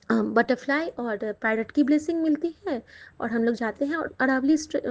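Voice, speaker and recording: A woman tells her devotional experiences in a chatty, intimate way, with a voice set a little high and frequent laughter. Grateful asides run through her telling. The recording is dull and lo-fi. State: out of breath. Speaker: satsang storyteller. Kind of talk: devotional testimony to listeners.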